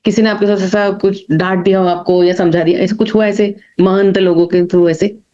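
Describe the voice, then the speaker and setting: A woman's voice: medium pitch, flat delivery, normal speed, warm tone. A woman hosting an interview, prompting her guest with short, conversational questions. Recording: slightly dull audio, faint music behind.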